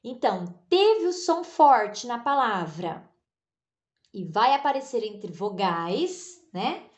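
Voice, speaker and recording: Slow, patient teacher in an echoey room. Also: female voice, a little high, sing-song. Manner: slow, patient, stretches words out for emphasis. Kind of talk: children's spelling lesson.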